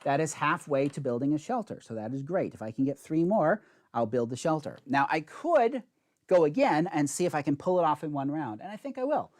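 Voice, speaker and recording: A man's voice: a little high, sing-song, a little fast, a little mellow. Man talking through a board game. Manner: explains rules step by step while playing; chatty, self-mocking asides. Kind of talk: solo board game playthrough.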